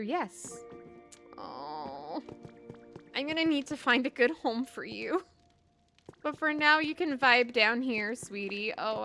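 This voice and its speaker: Excitable streamer girl in her 30s, high swoopy voice, bright tone, faint game music behind. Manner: excitable, gasping and exclaiming. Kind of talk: live gameplay stream chat.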